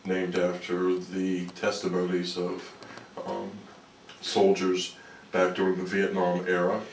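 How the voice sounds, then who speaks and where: An older man, an activist interview guest, telling casual anecdotes in halting, repetitive, slangy phrases. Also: deep voice, completely flat delivery, creaky, soft background music. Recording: echoey room, distant from microphone.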